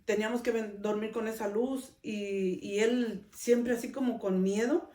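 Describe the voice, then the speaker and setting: A woman's voice: mid-range voice, fairly even intonation, a little slow, warm tone, far from the mic. Woman host telling a story in a roomy room. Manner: conversational, often adds a questioning tag to her sentences. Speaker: podcast host. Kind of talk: personal storytelling. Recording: roomy sound, speaker off-mic.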